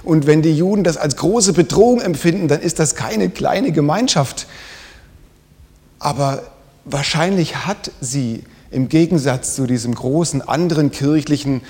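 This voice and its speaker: A man's voice: fairly high pitch, measured pace, a little mellow. Man preaching in a reverberant church. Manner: dynamic, drops to whispers for emphasis. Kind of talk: sermon. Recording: long hall reverb.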